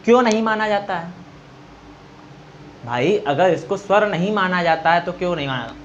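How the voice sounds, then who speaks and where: In a high-pitched, animated voice at normal speed, a man teaches exam-prep grammar, posing questions and answering them himself. He stretches vowels out as demonstrations and dictates notes; the recording is dull and lo-fi, with faint noise.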